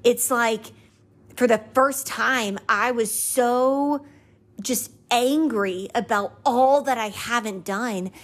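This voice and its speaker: Speaking slowly with a voice on the high side, a podcast host in her twenties shares a personal reflection on faith and gratitude. She is earnest and confessional, and mimics her own doubts in a mocking lilt.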